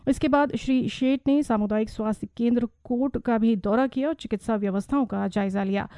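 मधुर, सधी आवाज़ वाली महिला समाचार वाचिका. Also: female voice, fairly high pitch, no echo, clean studio sound. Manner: steady, measured formal delivery. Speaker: news reader. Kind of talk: formal news bulletin reading. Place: radio studio.

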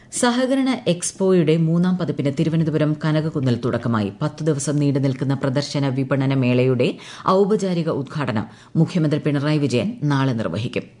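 A woman reading a formal news bulletin in a measured way, letting her sentences fall at the ends. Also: deep voice, dark tone. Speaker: newsreader.

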